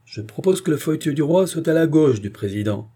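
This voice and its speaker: A man's voice: fairly high pitch, lively intonation, a little fast, dark tone, breathy edge, pitched above the performer's own voice. Man doing a pushy revolutionary deputy. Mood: insistent. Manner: raised, emphatic proposing. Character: scheming male revolutionary deputy, insistent. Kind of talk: audiobook reading.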